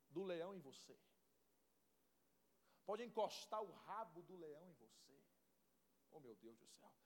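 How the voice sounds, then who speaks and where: A male pastor delivers a passionate sermon. His voice is high for a man. He sweeps from near-whispers up to ringing shouts, and a long hall reverb trails each phrase. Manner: fervent, swings from hushed to shouting. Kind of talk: preaching sermon.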